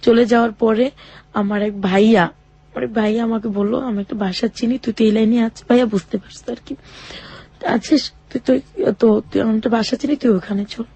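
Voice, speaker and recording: Appearing as an interview guest, a woman recounts the hardships of her own life, speaking haltingly and earnestly and frequently repeating what others told her. Her voice sits slightly high, with a steady, dark, somewhat rough tone. There is no room sound.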